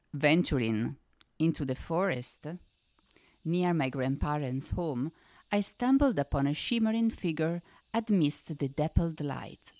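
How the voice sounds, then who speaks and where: Female storybook narrator, low and expressive, slow delivery.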